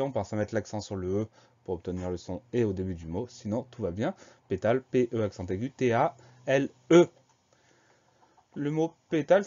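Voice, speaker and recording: A man teaching a spelling lesson, explaining words slowly and spelling them out letter by letter. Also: medium pitch, warm tone, lo-fi sound.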